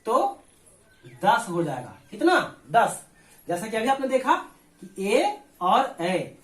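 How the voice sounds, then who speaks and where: A man's voice: sits high, fairly bright tone. A man with a Bihari Hindi accent teaching a board exam lesson, explaining step by step and answering his own questions. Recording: roomy echo.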